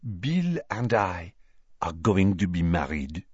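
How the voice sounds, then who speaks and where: A man's voice: sits low, very animated, takes it slowly, a little mellow, husky, no room sound, voice pushed down, heavily acted. A man voicing a graceful, self-assured young woman with an airy, lilting, sweetly condescending manner. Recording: dull lo-fi audiobook recording.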